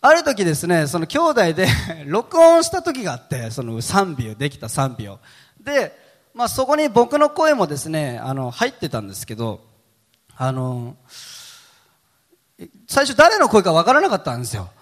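A man's voice: a little high, huge pitch swings, moderate pace. A man preaching a sermon in a church hall, telling stories in a chatty way and often breaking into laughter. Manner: chatty storytelling with frequent laughs. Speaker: pastor. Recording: reverberant hall.

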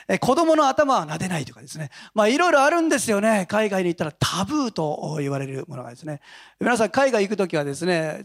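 Lively high-voiced male pastor. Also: creaky. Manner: animated storytelling with frequent chuckles. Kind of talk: conversational sermon.

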